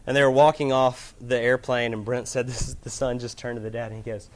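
A man preaching a sermon to a room of listeners, earnest, moving from loud emphasis to hushed gravity. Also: medium pitch, little pitch movement, fairly quick, a little hiss or hum. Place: room with an audience.

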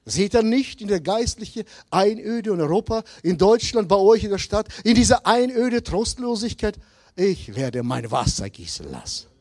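Animated high-voiced preacher, slow and emphatic. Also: male voice, no room sound. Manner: slow, emphatic preaching that swings from loud to hushed. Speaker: pastor. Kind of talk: sermon.

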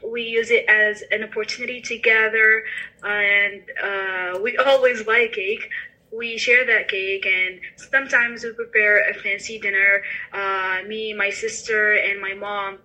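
A woman's voice: medium pitch, bright, forceful tone, rough recording. A woman from Morocco with a Moroccan accent, answering conversationally as a podcast guest and explaining things step by step. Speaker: international student, podcast guest.

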